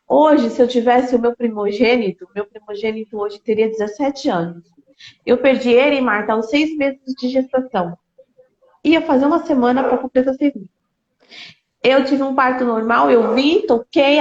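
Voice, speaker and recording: A woman speaks in a somewhat high voice. She talks earnestly and with feeling, and she often repeats phrases for emphasis. The sound is roomy and a little dull. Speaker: speaker sharing a personal grief story. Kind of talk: heartfelt conversational talk.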